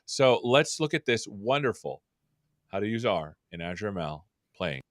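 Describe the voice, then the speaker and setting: A man hosts a live tech show, greeting viewers in a jokey, upbeat, rambling way. His fairly low voice moves through big pitch swings at normal speed, and the studio recording is clean, with no room sound.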